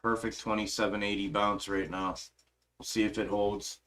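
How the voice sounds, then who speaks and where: A man with a lowish, fairly flat voice and a slight brightness hosts a stock market livestream at a moderate pace. Raised in western Pennsylvania but living in the South as an adult, he talks casually and emphatically over his charts, swears freely, reads chat aloud, and restlessly trails off as he works.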